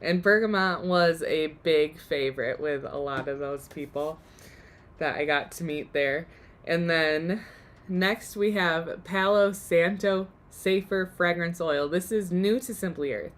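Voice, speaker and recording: A woman's voice: lowish voice, unhurried. A woman host losing her voice, giving a chatty, upbeat live DIY demonstration. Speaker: workshop host.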